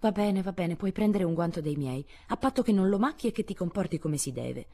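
A woman's voice: fairly low pitch, lively intonation, fairly quick, dark tone, pitched above the performer's own voice. A woman reading an audiobook, voicing a fussy, proper sixteen-year-old girl who frets about appearances. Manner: anxious, insistent about appearances.

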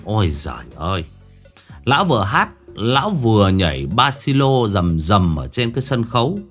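A man narrating a ghost story in a colloquial, vivid way, with crude asides. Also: medium pitch.

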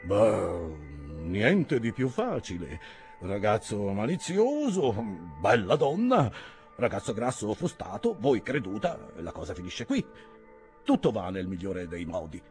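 A man's voice: lowish voice, big pitch swings, measured pace, a little mellow, faint music behind. A man reading an audiobook, voicing a scheming swindler who talks in clipped, staccato phrases with melodramatic flair. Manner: theatrical, melodramatic. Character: smooth-talking scheming adult male swindler.

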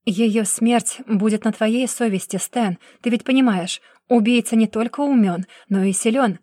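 A woman voicing a stern male investigator who speaks in clipped, measured phrases. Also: fairly high pitch, dark tone, dry recording, clean studio sound, lightly acted. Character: stern growling male investigator, cold and logical.

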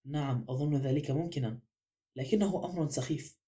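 A man's voice: on the high side, a little fast, mellow, natural voice. A flippant, stubborn young woman, read by a man. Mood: offhand. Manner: light and mocking. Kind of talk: audiobook character reading.

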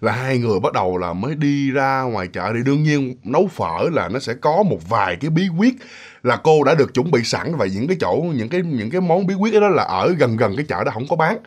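A man telling a ghost story in an animated, repetitive way, often speaking to his listeners. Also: medium pitch, a little fast, slightly rough.

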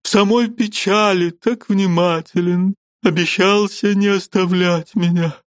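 A man's voice: high-pitched, steady tone, measured pace, no echo, clean studio sound, voice pushed up. A man voicing a theatrical, self-pitying middle-aged mother who complains and threatens.

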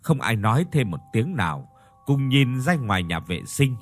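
A man reads a ghost story aloud. His husky voice moves through a wide, lively range. Soft music plays underneath. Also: medium pitch, normal speed. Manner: expressive storytelling. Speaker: narrator. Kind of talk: ghost story audiobook narration.

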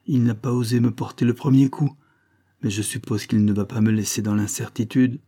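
A man voicing an elderly lady, a reserved and worried mother, speaking in a soft, restrained half-voice. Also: mid-range voice, steady tone, fairly quick, natural voice.

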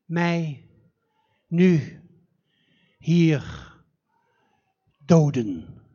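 A man voicing a calm, firm old fox in a spoken fairy tale, who speaks slowly and deliberately. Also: fairly high pitch, breathy edge, muffled recording, voice pushed down, heavily acted. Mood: solemn.

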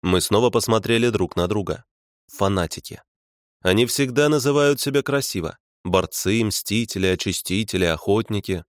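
A man's voice: fairly low pitch, lively intonation, normal speed, no room sound. A man narrating an audiobook in the first person, with a dry, wry storytelling manner.

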